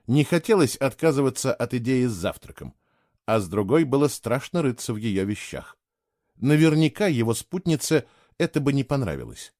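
A man reading a novel aloud in a measured, expressive storytelling way. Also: mid-range voice, dry recording, clean studio sound. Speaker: audiobook reader. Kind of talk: scripted narration.

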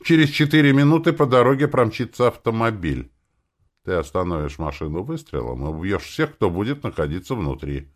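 A man voicing a sinister woman's voice in someone's head, giving slow, hissing commands. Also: lowish voice, big pitch swings. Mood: menacing.

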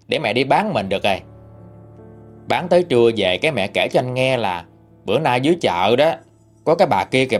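Animated man telling a ghost story. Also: medium pitch. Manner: conversational, animated retelling. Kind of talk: storytelling narration.

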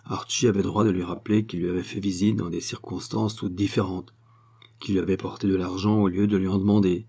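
A man reading a classic novel aloud in measured, even narration. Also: deep voice, vocal fry, husky. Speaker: audiobook reader. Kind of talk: literary audiobook narration.

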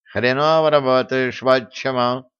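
A man's voice: mid-range voice, fairly even intonation, measured pace, a bit bright, clear, resonant tone, dry recording, dull audio, pitched above the performer's own voice, close to an everyday voice. A man voicing a brash bossy tomcat. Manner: brash, needling. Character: cheeky bossy tomcat, male, sly. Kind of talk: audiobook character voicing.

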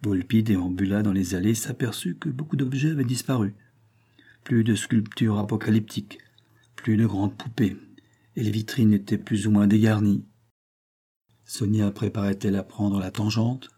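A man narrating a crime novel as an audiobook, with steady storytelling. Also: fairly low pitch, normal speed, slightly rough.

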